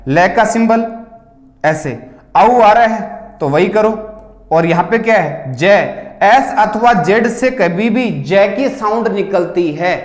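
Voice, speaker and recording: Higher-voiced male teacher in an echoey room. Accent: Rajasthani Hindi. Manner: explanatory, asks and answers own questions. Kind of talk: exam paper solution lesson.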